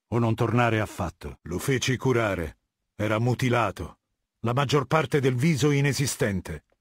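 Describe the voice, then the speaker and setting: In dubbed video game dialogue, a male actor with a husky, medium-pitched voice plays a ruthless middle-aged warlord dictator, speaking in an imperious, measured, menacing way. The mood is grave and deliberate, and the studio-quality recording is dry.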